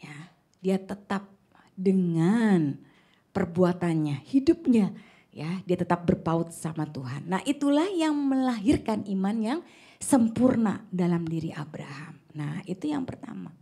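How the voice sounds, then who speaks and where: A woman preaching a conversational church sermon, speaking directly to the congregation and often checking in with a quick "ya". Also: fairly low pitch, very animated, gravelly, dark tone, slightly rough. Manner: chatty, keeps checking in with "ya", addresses the congregation directly.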